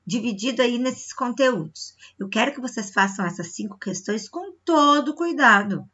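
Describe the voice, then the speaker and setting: A bright, clear-toned woman teacher walks children through a review lesson. She explains patiently, checks in often and draws out words to show where the stress falls. The recording sounds dull and lo-fi, like a home video. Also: a little high, lively intonation, moderate pace.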